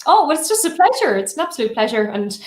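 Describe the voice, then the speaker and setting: A woman's voice: sits high, big pitch swings, fast. Lilting Irish woman in a roomy space. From Ireland. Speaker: guest storyteller. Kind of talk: casual interview chat. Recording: roomy, echoing sound.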